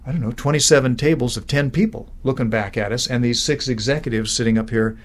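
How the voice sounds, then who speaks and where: A man's voice: medium pitch, fast talker. Enthusiastic man telling a business anecdote. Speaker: business speaking coach and co-founder. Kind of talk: animated conversational storytelling.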